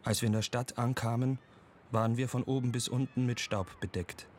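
A man reading a voice-over translation in a calm, even way. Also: mid-range voice, moderate pace, a little hiss or hum.

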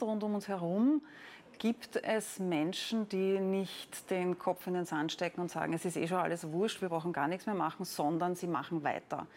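A woman's voice: on the low side, a little mellow, a little hiss or hum. A woman painter with an Austrian German accent speaking earnestly and reflectively in an interview. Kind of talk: interview answer.

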